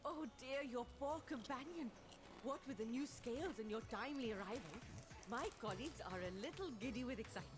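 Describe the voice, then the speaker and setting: Woman doing a soft polite game alchemist, bit high, music behind. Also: animated, brisk, natural voice. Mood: concerned. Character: gentle, soothing female alchemist. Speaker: alchemist character. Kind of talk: video game voice acting.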